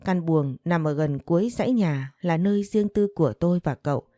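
A woman narrating a romance story in a calm, even reading voice. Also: fairly low pitch, normal speed, dry recording, studio quality, soft background music. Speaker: audiobook narrator.

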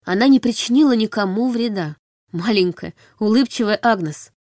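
A woman's voice: mid-range voice, normal speed, darkish tone, no echo. Woman narrating an audiobook, dry and close. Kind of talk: first-person scripted audiobook narration.

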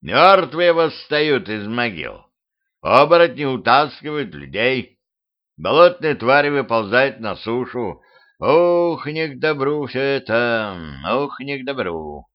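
A man voicing an old village cart driver who groans and grumbles in a drawn-out way, in a self-made audiobook. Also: mid-range voice, sing-song. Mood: lamenting. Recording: dull lo-fi home recording.

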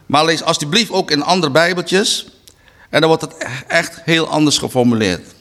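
A man giving a preaching Bible study talk, reading slowly and deliberately with emphatic restarts. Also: on the high side, a bit bright. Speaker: Bible teacher.

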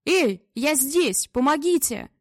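A woman reading an audiobook, voicing a trapped young male police detective who shouts urgently for help. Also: fairly high pitch, animated, normal speed, dry recording, clean studio sound. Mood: desperate.

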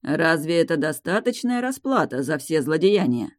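A woman's voice: low-pitched, big pitch swings, no room sound, clean studio sound. Lorenzo, a woman voicing a drawling mocking lord. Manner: slow, drawling, coolly ironic. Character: mocking stern male lord on horseback.

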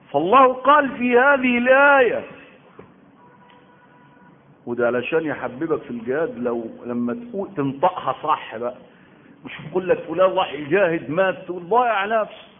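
A man with an Egyptian Arabic accent, giving an emphatic Quran lesson, repeating phrases and firing rhetorical questions. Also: fairly high pitch. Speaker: Islamic preacher giving Quran commentary. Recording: tinny phone-like audio.

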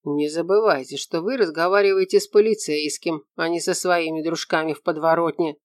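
A woman's voice: on the low side, steady tone, fairly quick, no echo, natural voice. A woman voicing a mocking male police investigator in an audiobook, with a dry, teasing delivery.

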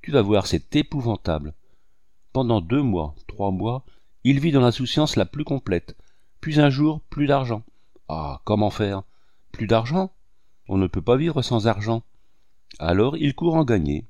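A man's voice: mid-range voice, big pitch swings, a little slow, darkish tone, dry recording, studio quality. A man voicing an anxious middle-aged bourgeois husband who speaks in a tragic, fretful tone.

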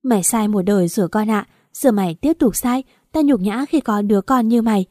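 A woman plays a gentle mother turned bitterly reproachful. The voice is mellow and warm. The recording is dry and close. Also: medium pitch, fairly quick, dry recording, close to an everyday voice. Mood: scolding. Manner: reproachful, scolding. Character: gentle older mother, shamed and angry.

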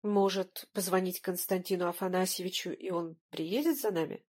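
A woman's voice: mid-range voice, moderate pace, a little mellow, lightly acted. A woman reading an audiobook, voicing a timid middle-aged male journalist who speaks hesitantly. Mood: meek.

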